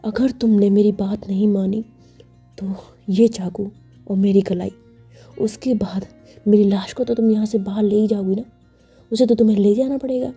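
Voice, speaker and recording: Woman doing defiant stubborn young woman, storybook, flat, husky. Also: mid-range voice, moderate pace, pauses often, highs cut off, soft background music. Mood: threatening. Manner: defiant, threatening.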